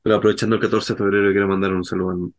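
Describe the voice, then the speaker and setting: A man's voice: lowish voice, level tone, rapid-fire. A middle-aged man with a Chilean accent, a radio co-host in casual banter, teasing and sending greetings on air. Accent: Chilean Spanish.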